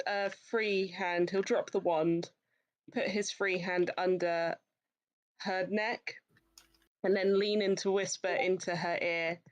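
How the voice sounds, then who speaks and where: A woman's voice: medium pitch, rough recording. A woman playing in a tabletop game, describing her character's actions hesitantly, with many fillers. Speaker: player.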